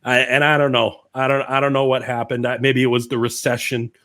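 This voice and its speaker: A man in his thirties from the American Midwest co-hosting a casual film review podcast, joking around and animated. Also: brisk. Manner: animated, jokey, jumps to high pitch for emphasis. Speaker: podcast co-host.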